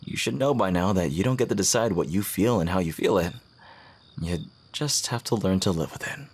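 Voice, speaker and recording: In a romantic ASMR audio roleplay, a man plays a devoted fantasy rival confessing his love, speaking earnestly and poetically in a courtly manner with soft, hesitant pauses. His low voice is husky and breathy, and the intimate performance feels tender and devoted.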